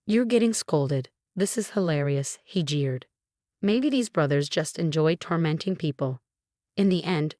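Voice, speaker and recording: A woman reading a first-person story as scripted narration, in a steady storytelling manner. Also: on the low side, no room sound, studio quality.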